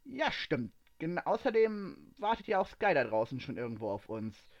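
A man voicing a shy, awkward young man in a storybook reading, answering quickly. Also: on the high side, very animated, dull audio.

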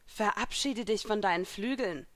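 A woman reads out a proud young woman warrior from a storybook fight scene, commanding and taunting. Her voice sits higher than her narration and carries a forceful edge. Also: normal speed, close to an everyday voice. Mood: fierce, taunting.

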